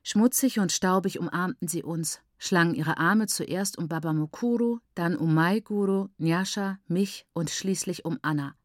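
A female audiobook narrator reads from a novel in a measured, even storytelling style, her voice on the low side. It's scripted narration with clean studio sound and no room noise.

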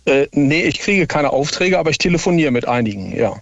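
A man's voice: a little high, animated, brisk, gravelly, dry recording. Hesitant male caller on a muffled line. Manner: hesitant, short denials, repeats "nein". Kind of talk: call-in guessing game.

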